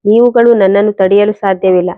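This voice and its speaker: A scheming husband speaks with false softness that hardens into threats, as a woman narrator reads him. The delivery stays flat in pitch, in a dry, muffled recording. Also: a little fast, no echo, close to an everyday voice. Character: smooth-talking deceitful husband, adult man. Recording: dull lo-fi recording.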